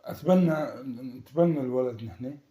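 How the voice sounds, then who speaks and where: A man talking evasively and coaxing his wife to calm down. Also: mid-range voice, a little fast, roomy sound, crowd noise. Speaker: husband pulling a prank. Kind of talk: prank conversation.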